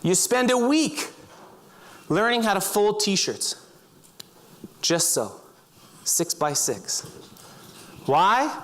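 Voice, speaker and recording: A middle-aged man telling vivid second-person stories on a stage, breaking into loud shouts. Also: high-pitched, big pitch swings, drawn-out words, pauses often. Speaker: speaker. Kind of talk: storytelling talk. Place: auditorium stage.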